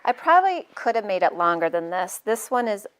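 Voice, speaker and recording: This middle-aged woman has a medium-pitched, sing-song voice that flows smoothly at a slightly quick pace. She's running a live sewing tutorial in her studio, chatting away, poking fun at herself, and slipping in jokey asides as she works.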